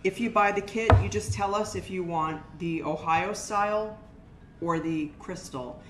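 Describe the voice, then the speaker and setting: A woman's voice: medium pitch, a little slow, a little hiss or hum. An older woman running a casual hands-on craft demonstration, explaining steps plainly to viewers. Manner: chatty, practical, talks to viewers as "guys". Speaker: shop owner teaching a craft workshop. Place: indoor shop workspace with brick wall. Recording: roomy, faint music behind.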